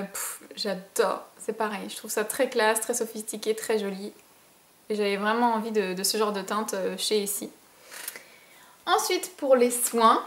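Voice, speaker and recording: Young woman, beauty vlogger, chatty and upbeat, fairly high voice, echoey room. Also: fairly bright tone, a little hiss or hum. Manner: chatty, enthusiastic, many fillers. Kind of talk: casual haul chat to camera.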